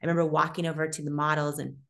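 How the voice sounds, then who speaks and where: A woman in her forties, a guest on an interview podcast, telling her story in an animated, emotional way with the odd laugh. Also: deep voice, rapid-fire, vocal fry.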